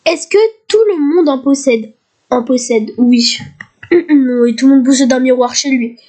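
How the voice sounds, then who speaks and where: A woman with a slightly hoarse voice, playing a guessing game in casual commentary, reading each question aloud and then answering it casually. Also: high voice, unhurried, dark tone. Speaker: youtuber.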